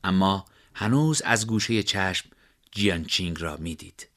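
A man narrating a story in a steady, measured way. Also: deep voice.

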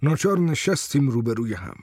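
Calm male storyteller: husky, measured, dry delivery. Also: mid-range voice, dry recording. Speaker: narrator. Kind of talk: dramatic first-person story reading.

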